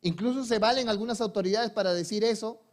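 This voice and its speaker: Man, high voice, pastor preaching, answers his own questions. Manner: asks the congregation questions and answers them himself; shifts between soft, slow passages and loud emphatic ones. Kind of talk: sermon.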